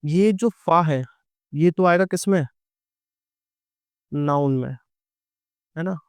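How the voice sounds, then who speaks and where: A middle-aged man with an Indian English accent, teaching English grammar to exam students. His voice is smooth and resonant, a little higher than most men's, and recorded close and dry. He explains patiently and asks the class questions that he answers himself. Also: slow, no room sound. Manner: explains patiently, checks in with "है ना" and "ठीक है" and calls students "बेटा". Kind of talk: exam-prep grammar lecture.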